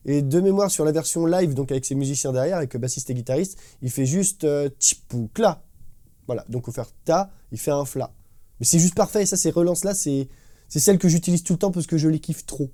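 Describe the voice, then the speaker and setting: A man's voice: fairly high pitch, fast, mellow. A man teaching a casual drum lesson, enthusiastic and slangy, imitating drum fills with spoken syllables. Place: drum studio. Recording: drum music playing behind the voice.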